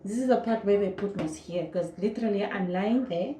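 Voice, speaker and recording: A woman's voice: mid-range voice, a little fast, reverberant, slight background noise, poor audio. A young woman with a Namibian accent, telling a personal story casually to her viewers and acting out moments. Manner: animated, acts out moments with quoted voices and sound effects. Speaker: vlogger.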